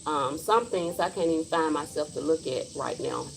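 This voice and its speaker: A woman's voice: low voice, moderate pace, creaky, a little hiss or hum, rough recording. A woman in her forties, hosting a casual livestream and speaking her mind bluntly and emphatically. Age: 40s. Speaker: livestream host.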